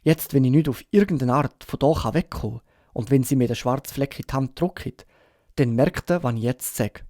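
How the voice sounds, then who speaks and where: A Swiss German man voicing a sick, gruff old sea captain in an audiobook, urgent and pleading in rough sailor talk. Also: medium pitch, a little fast, mellow, dry recording, clean studio sound, lightly acted. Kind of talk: audiobook character reading.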